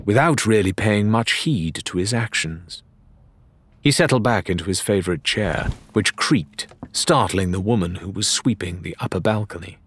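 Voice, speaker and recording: Low husky man narrating a story. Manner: measured, storytelling delivery. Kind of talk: scripted audiobook narration.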